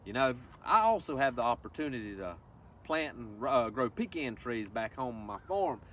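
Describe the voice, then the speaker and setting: This man has a medium-pitched, fairly bright voice that swings widely in pitch, and he speaks at a normal pace. Presenting a children's read-along, he reads a picture book while speaking straight to the kids in a folksy, instructive style full of asides and questions. Faint background noise comes through a distant microphone.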